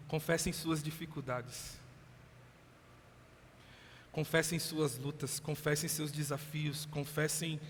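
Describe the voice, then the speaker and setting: A male Brazilian pastor giving a lively sermon, acting out voices with laughing asides. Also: fairly high pitch, slight background noise. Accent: Brazilian Portuguese. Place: church hall. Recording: long hall reverb.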